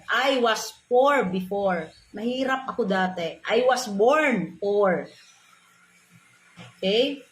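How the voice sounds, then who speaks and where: A woman motivational speaker giving a preachy, emphatic talk full of rhetorical questions and English phrases, from the Philippines. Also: on the high side. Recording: echoey room with faint ambient noise.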